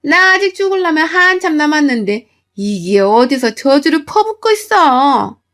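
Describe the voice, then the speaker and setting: A woman voicing an angry older mother-in-law who shouts and snaps back in a storybook tale. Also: high voice, big pitch swings, normal speed, pitched above the performer's own voice, exaggerated voice. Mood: indignant. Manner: shouting, snapping.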